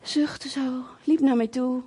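A woman giving a sermon as a lively personal story, with many fillers, acting out voices and sounds in a conversational way. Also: high voice, slow, husky. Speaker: preacher.

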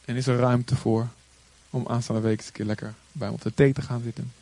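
A man who is a pastor, telling a story in a calm, earnest way and acting out the voices of the people he quotes. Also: medium pitch, a little fast. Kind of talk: sermon-style storytelling.

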